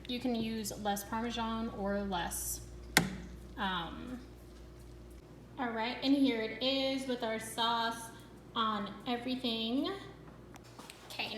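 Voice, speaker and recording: A woman's voice: fairly high pitch, roomy sound, noisy background. A young woman hosting a cooking vlog, chatting casually to camera with a rambling, filler-filled manner.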